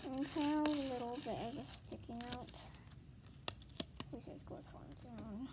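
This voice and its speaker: At home, a woman hosts a casual vlog, reading a children's book aloud and chatting informally with muttered asides to herself. Her voice is a little high and unhurried, and the home recording is noisy with clicks.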